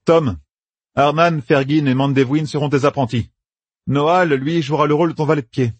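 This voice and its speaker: A man's voice: on the high side, steady tone, no echo, pitched above the performer's own voice, natural voice. A man voicing a brash young schemer who barks out plans in a raised, emphatic voice in an audiobook. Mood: commanding. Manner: bossy, emphatic, rapid-fire planning.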